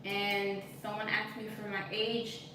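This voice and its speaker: Streaming from her own kitchen, this cooking channel host in her thirties chats loosely and reads out viewers' comments. She speaks a little slowly at a medium pitch with little variation, and the sound is noisy, echoey and distant.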